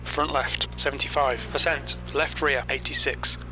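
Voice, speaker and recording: A man's voice: medium pitch, steady tone, moderate pace. A man working as a race engineer, giving terse, clipped pit radio calls and instructions to a driver. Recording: loud race car engine noise behind.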